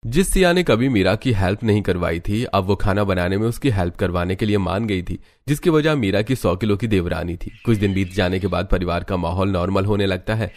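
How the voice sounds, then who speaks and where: A man narrating a cartoon story in an even storytelling manner. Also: sits low, a little fast, few pauses.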